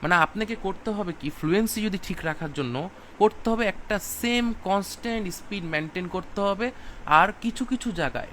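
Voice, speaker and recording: A man teaches a recorded exam-prep class, repeating key points and dropping English terms into his explanations. His voice sits somewhat high. A faint hum of passing vehicles runs under the recording. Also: moderate pace, a bit bright.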